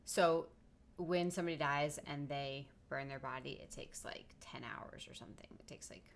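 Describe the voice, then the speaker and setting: Woman, low voice, casual podcast co-host, filler-heavy chat. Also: normal speed, creaky. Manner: chatty, many fillers like "like". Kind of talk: casual conversation.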